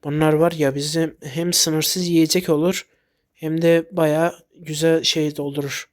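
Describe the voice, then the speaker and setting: Excitable man narrating gameplay. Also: on the high side, a little slow. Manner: excitable, blurts out short exclamations. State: sick. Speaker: gaming YouTuber. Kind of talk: casual gameplay commentary.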